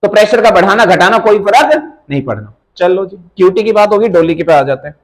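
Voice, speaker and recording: A man's voice: high voice, expressive, brisk, poor audio. A man teaching a chemistry class live, teasing his students and calling them by pet names while switching between languages. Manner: teasing, calls students beta, mixes English phrases.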